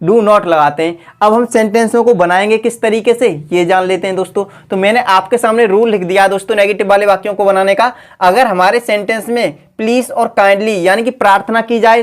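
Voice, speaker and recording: A woman teaching a grammar lesson at an unhurried pace. She talks to her viewers as friends and poses questions that she answers herself. Now and then she stops to spell a word out letter by letter. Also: medium pitch. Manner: keeps calling the viewers friends. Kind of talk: explaining a lesson.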